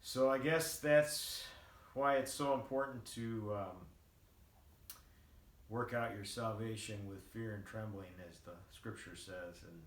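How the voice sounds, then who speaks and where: Slow-talking older man, halting and reflective. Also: fairly low pitch. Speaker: vlogger. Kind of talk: casual devotional reflection, rambling monologue. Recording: roomy, distant mic, faint background noise.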